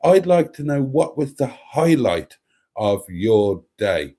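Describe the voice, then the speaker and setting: A man's voice: medium pitch, sing-song, takes it slowly, warm tone. A British man hosting a casual livestream chat, effusive and camp, rambling theatrically to his listeners with playful endearments. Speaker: live show host.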